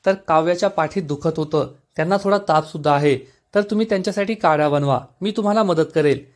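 A man's voice: fairly high pitch, fast talker, close to an everyday voice. A man reading out the lines of a puzzled young husband who asks earnest questions.

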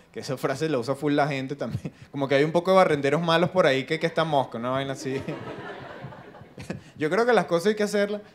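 A young man with a Venezuelan accent doing a stand-up comedy routine, animated and acting out other people's voices. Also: a little high, a little hiss or hum. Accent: Venezuelan Spanish. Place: live comedy stage with audience.

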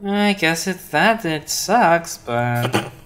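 A man's voice: fairly high pitch, lively intonation, slow pace, fairly bright tone. A man reading a sarcastic grumpy witch. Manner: dry and sarcastic. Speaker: game dialogue reader. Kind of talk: reading game dialogue aloud. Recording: faint game music behind.

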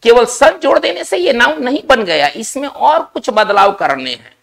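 A man's voice: very high-pitched, animated, gravelly, a bit bright. A man teaching English spelling and word meanings in a recorded lesson, explaining step by step and often checking that students follow. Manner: explains slowly in Hindi, often checks with "isn't it?".

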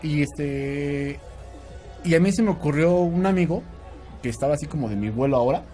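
A Mexican man hosting a casual podcast, telling stories in an animated way, laughing often and swearing freely. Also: fairly high pitch, moderate pace, soft background music, a faint crowd. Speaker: podcast host. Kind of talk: casual storytelling chat.

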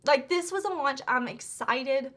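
A woman talks through her beauty haul in a high, bright voice. She gushes and chats casually, her sentences full of "like" and quick restarts. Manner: gushing, chatty, full of "like" and restarts. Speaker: beauty vlogger.

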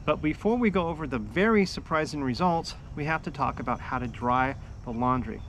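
A man's voice: medium pitch, expressive, fairly quick, a bit bright, a little hiss or hum. A man in his forties, an off-grid homestead vlogger, explaining his gear step by step in a chatty, upbeat way while sitting outdoors beside his house. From United States. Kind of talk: casual how-to vlog. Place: outdoors by a house wall in a backyard.

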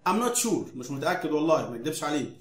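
A man teaching English words to children in Egyptian Arabic, repeating each word slowly so that pupils can say it back. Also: on the high side, big pitch swings, echoey room. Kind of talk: vocabulary drill lesson for children.

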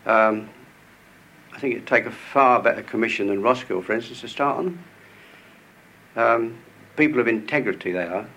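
A man's voice: medium pitch, moderate pace, pauses often, pushed and bright, slight background noise, low-quality recording. A man who owns a workshop, answering interview questions hesitantly, searching for his words. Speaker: workshop owner.

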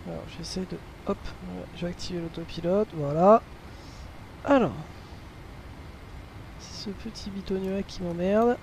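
A man's voice: high voice, steady tone, normal speed, gravelly, pauses often, a little mellow, slight background noise, rough recording. A man giving casual flight simulator commentary in short muttered bursts, close on the mic.

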